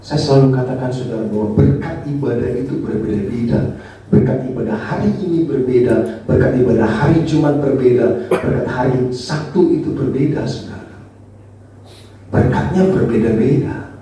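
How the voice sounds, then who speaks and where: A male pastor with an Indonesian accent preaching a sermon to his congregation, often calling out to them, with high emphatic lines and low asides. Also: normal speed, dark tone, slight background noise. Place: church hall. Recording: echoey hall, voice from a distance.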